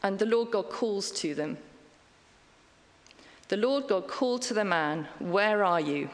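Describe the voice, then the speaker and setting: A middle-aged woman preacher with a medium-pitched, animated voice gives a conversational sermon at a measured pace. She's chatty and self-deprecating, full of ums and asides, and the church hall adds a long reverb.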